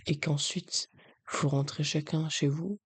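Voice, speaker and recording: A man with a breathy voice, speaking softly in an ASMR style as he advises the listener. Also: on the high side, fairly even intonation, unhurried. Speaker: ASMR video creator. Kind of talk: soft-spoken ASMR, advising the listener directly.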